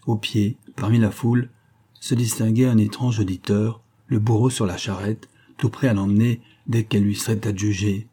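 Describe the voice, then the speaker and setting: A man narrating a history book as an audiobook, in a measured, even reading. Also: fairly low pitch, husky.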